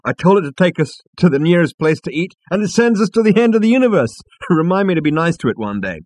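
Man doing a brash alien adventurer, loud and boastful, lively up-and-down voice, dry sound. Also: sits high, quick pace, no echo, pitched above the performer's own voice.

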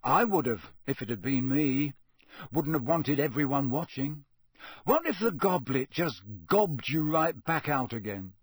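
A man's voice: mid-range voice, lively intonation, unhurried, breathy edge, no room sound. A man voicing a teenage schoolboy who speaks in a casual, matter-of-fact way. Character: teenage schoolboy wizard, plain-spoken.

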